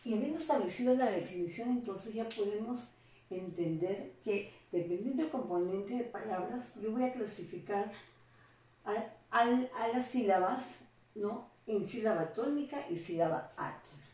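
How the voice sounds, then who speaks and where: A woman teacher with a Peruvian Spanish accent, explaining a lesson slowly and deliberately, often asking rhetorical questions. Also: mid-range voice, a little mellow, distant mic. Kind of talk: classroom lesson. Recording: very echoey room, voice off-mic.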